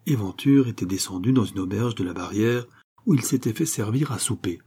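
A man's voice: lowish voice, lively intonation, fairly quick, warm tone, breathy edge. A man reading a classic novel aloud as an audiobook narrator, lifting his voice for the dialogue.

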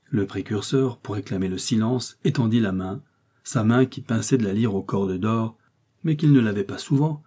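A man narrating a classic French novel as an audiobook, measured and literary. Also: fairly low pitch, warm tone, breathy edge.

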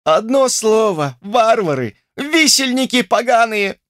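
A man's voice: sits high, lively intonation, measured pace, fairly bright tone, dry recording, studio quality, voice pushed up. A man reading an audiobook voices a complaining old village woman who mumbles toothlessly and curses her neighbours. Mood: lamenting. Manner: toothless mumble, lamenting and cursing.

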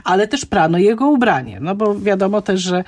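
A woman's voice: medium pitch, lively intonation, a little fast, a little mellow. Woman language expert explaining on radio. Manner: thoughtful, explanatory, many fillers. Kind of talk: radio chat explaining words. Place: radio studio.

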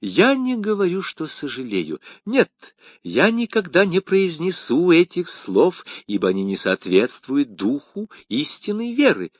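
Reader plays a polite, self-satisfied young cleric, pious and precise. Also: male voice, fairly high pitch, wildly swooping pitch, a little slow, dry recording, clean studio sound, voice pushed up, full character voice. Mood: insistent. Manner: courteous, with a hint of irritation and piety.

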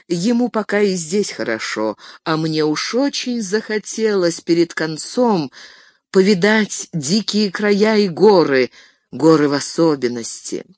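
A reader voicing an old male hobbit who stammers and grows shrill and possessive, in an audiobook reading. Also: no room sound, studio quality. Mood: wistful. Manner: stammering, turns shrill and grasping.

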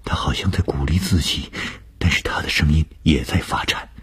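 Very deep husky male storyteller. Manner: slow, drops to hushed whispers for suspense. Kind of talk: radio storytelling.

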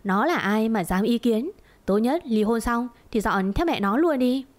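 A woman voicing a harsh, callous middle-aged husband, speaking in a gruff, dismissive way in a storybook tale. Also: fairly high pitch, expressive, measured pace.

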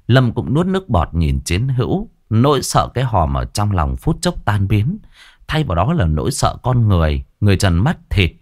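A man narrating a ghost story with dramatic, animated delivery. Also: lowish voice, normal speed.

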